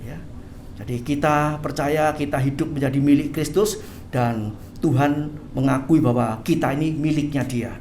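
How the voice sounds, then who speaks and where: A pastor preaching an animated sermon, often tagging phrases with "ya". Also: medium pitch, normal speed, a little hiss or hum. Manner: animated, tags phrases with "ya", acts out quoted voices. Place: church hall, livestreamed service. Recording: echoey church hall.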